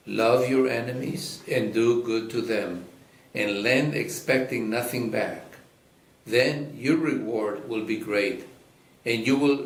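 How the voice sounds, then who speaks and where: Slow, echoing male liturgical reader. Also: medium pitch. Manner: solemn, measured. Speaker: priest or deacon reading the Gospel at Mass. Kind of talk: liturgical scripture reading and chanting. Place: reverberant church during a service. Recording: echoey church acoustic.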